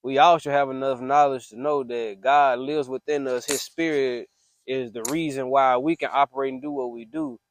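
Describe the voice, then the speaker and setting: A man's voice: mid-range voice, steady tone, normal speed, slight background noise. A man talking casually and emphatically about his own reflections in a voice memo, with slangy phrasing and an earnest, preachy manner. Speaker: speaker sharing personal faith reflections. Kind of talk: casual spoken voice memo, venting and testimony. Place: close, dry voice memo recording.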